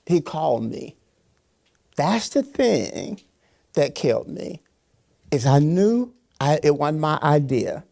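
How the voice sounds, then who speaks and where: Warm, creaky, and on the high side, this older man's voice swings widely in pitch at a slow pace, pausing often. A pastor on a motivational panel, he speaks unscripted and stresses his points preacher-style with short repeated phrases.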